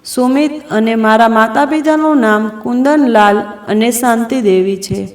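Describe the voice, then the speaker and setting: A woman's voice: on the high side, unhurried, echoey room, natural voice. A woman voicing a worried young man searching for his missing parents, speaking in an anxious, pleading way.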